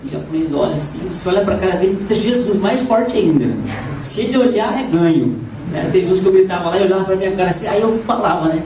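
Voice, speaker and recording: Slightly hoarse evangelist preaching. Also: male voice, high voice, fast. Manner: lively, frequent "né?" asides, rising to shouts. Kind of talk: sermon. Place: church hall. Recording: echoey church room, voice from far off, background noise.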